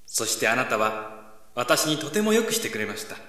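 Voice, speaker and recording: A man voicing a gentle divine figure, echoing. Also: mid-range voice, sing-song, moderate pace. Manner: gentle, reassuring. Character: gentle divine male voice, calm and kind. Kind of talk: radio drama acting. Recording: echoey voice with long reverb.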